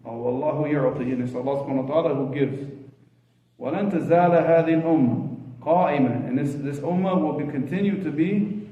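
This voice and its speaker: A man's voice: mid-range voice, fast. A man teaching a religious lesson informally, switching between English and Arabic as he reads, explains and puts questions to his listeners. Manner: repeats phrases and questions listeners rhetorically. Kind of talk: informal lecture reading and explaining a religious text. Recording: roomy echo, thin phone-like sound.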